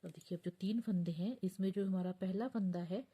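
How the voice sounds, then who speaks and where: A woman giving a patient step-by-step knitting tutorial, counting stitches aloud and often dropping to a soft near-whisper. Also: mid-range voice, fairly quick, husky. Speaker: knitting teacher.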